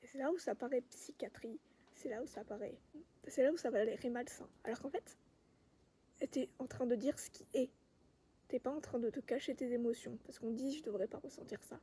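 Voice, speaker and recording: Soft-spoken woman musing outdoors. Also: on the high side, normal speed, a little hiss or hum. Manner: calm, soft-spoken, sometimes drops to a whisper. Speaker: vlogger. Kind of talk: reflective personal monologue. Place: outdoors among trees.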